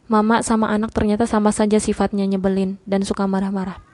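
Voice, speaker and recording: Female narrator and channel host; expressive first-person novel reading, mellow tone. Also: mid-range voice, fast talker, no room sound. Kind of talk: reading her own novel aloud.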